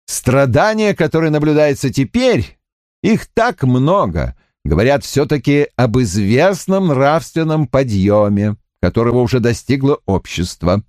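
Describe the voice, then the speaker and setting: A man's voice: medium pitch, big pitch swings, measured pace, darkish tone, dry recording, clean studio sound. A man voicing an idealistic young baron in an audiobook, earnest and a little pleading. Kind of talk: audiobook character reading.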